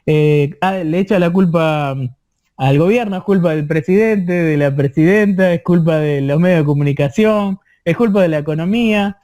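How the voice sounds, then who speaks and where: A man with an Argentine Spanish accent teaching an online course, explaining slowly with many repetitions and checking in with his listeners. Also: a little high, warm tone. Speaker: course instructor.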